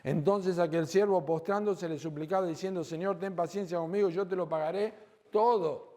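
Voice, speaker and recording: Animated Argentine preacher, dark tone. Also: male voice, high voice, normal speed. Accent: Rioplatense Spanish. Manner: animated preaching, acts out dialogue, rhetorical questions. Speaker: pastor. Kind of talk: sermon. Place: church.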